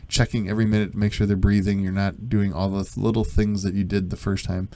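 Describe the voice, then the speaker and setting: A man's voice: on the low side, little pitch movement, fast, mellow, slight background noise. A man in his thirties hosting a casual podcast chat over an internet call, laughing often and restarting his sentences. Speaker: podcast host.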